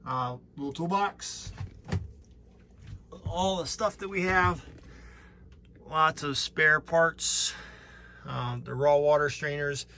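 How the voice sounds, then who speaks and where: A man's voice: a little high, slow pace, pauses often, bright, forceful tone. A man hosting a casual walkthrough vlog, explaining things in an easygoing, somewhat hesitant way. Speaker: boat owner and vlog host. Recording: noisy camera audio, clear background noise.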